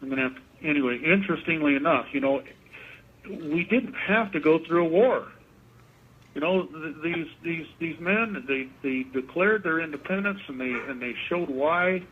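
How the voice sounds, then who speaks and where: A man speaking as an inmate guest on a payphone call, talking politics informally in a halting way and repeating his words. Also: a little high, breathy edge. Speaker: interview guest, prison inmate calling in. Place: prison phone. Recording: muffled, noisy payphone line.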